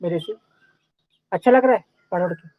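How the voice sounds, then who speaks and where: A man's voice: high voice, moderate pace, dry recording, narrow, tinny audio. A young man teaching a live online class in a casual, chatty way, often checking in with his students.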